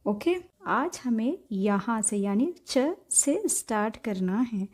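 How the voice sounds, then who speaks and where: Woman, patient teacher, repeats letters, high-ish mellow voice. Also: lively intonation, takes it slowly. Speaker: language teacher. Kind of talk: step-by-step writing lesson.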